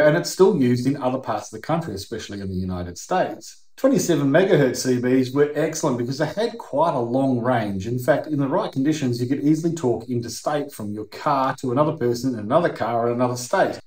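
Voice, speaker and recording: A middle-aged Australian man hosts an explanatory video, teaching in a conversational, emphatic way. His voice is mid-range with a darkish tone. He's indoors in a workshop or garage, and the sound is roomy and echoing.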